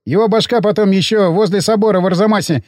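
A man voicing a devout male mercenary speaking between deep breaths. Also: fast talker, no echo, studio quality, close to an everyday voice. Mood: urgent.

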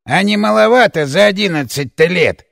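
Man doing a gravelly, sneering old chief. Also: high-pitched, lively intonation, a bit bright, no room sound, studio quality, heavily acted. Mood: mocking, haggling. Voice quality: gravelly creaky voice. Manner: slow, sneering, threatening drawl. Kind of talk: audiobook character voice.

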